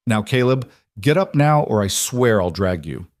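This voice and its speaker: A man's voice: on the low side, expressive, normal speed, dry recording, studio quality, lightly acted. A man voicing a frightened but fierce young woman outcast in an audio story, speaking urgently and pleadingly. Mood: frantic.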